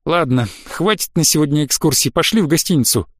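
A man's voice: fairly high pitch, lively intonation, fairly quick, no echo, studio quality. A man voicing a patient, wry middle-aged father who explains things good-naturedly. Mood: explaining.

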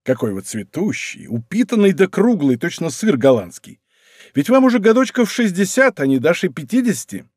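A man voicing a bold, teasing musketeer captain who talks in a brisk, rough-affectionate way. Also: sits high, big pitch swings, a little mellow, dry recording, clean studio sound, voice pushed up, full character voice. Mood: bantering.

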